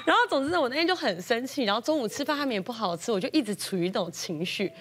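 Brief: middle-aged woman, talk-show guest, animated storyteller, quick, pitch leaps around, music under her. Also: noisy background. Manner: acts out quotes in a high voice, lively. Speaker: panel guest.

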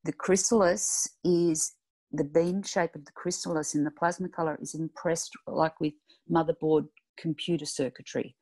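A woman participant in an online class describing a vivid dream in careful, deliberate detail. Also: low voice, fairly even intonation, darkish tone, slightly rough. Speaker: class participant asking a question.

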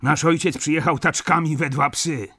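A man reading an audiobook, voicing a calm, sarcastic merchant who teases his brother. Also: on the high side, moderate pace, husky, pitched above the performer's own voice. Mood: mocking. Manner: mocking, teasing.

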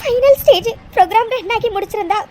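A voice actor doing a very high, tearful young woman coder. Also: animated, quick pace, fairly bright tone, a little hiss or hum. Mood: distraught. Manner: crying, panicked. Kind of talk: cartoon serial voice acting.

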